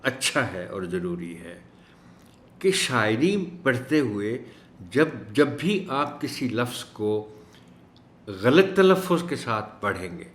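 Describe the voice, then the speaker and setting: A man teaching an Urdu lesson for teachers, speaking in a measured way and slowing down to stress each word he corrects. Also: lowish voice. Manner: measured, stresses words slowly when correcting pronunciation. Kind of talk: instructional video lesson. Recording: echoey room.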